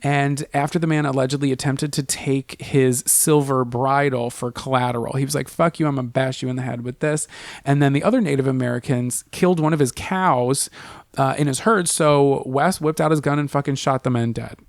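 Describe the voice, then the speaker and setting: Male podcast co-host, middle pitch, rambling profane comic storyteller, dry room. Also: moderate pace, no echo. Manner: profane, rambling, full of 'like' and 'uh'. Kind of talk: casual comedic history storytelling.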